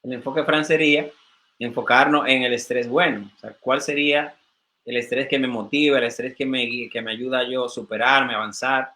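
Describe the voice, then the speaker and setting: A man's voice: mid-range voice, fairly even intonation, moderate pace, bright, forceful tone. A man hosting a conversational webinar, putting guiding questions and brief interjections.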